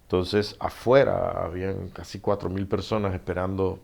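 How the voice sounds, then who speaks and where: At normal speed, a middle-aged author with a gravelly low voice and a Panamanian Spanish accent recounts stories during a casual interview. He acts out the dialogue as an animated storyteller and laughs often.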